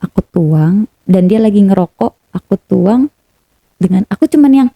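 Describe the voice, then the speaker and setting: Woman spilling a story, husky low-toned voice, dry close sound. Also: moderate pace, no echo. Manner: animated, switches voices for quoted people. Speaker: interview guest. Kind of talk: casual storytelling.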